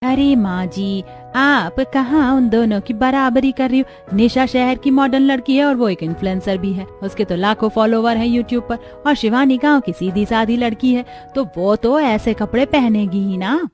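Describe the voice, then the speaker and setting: Sensible young bride next door, as a woman plays her, high, slow speech, cartoon. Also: soft background music, close to an everyday voice. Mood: reasoning. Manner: calm, reasoning. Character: sensible young neighbour daughter-in-law.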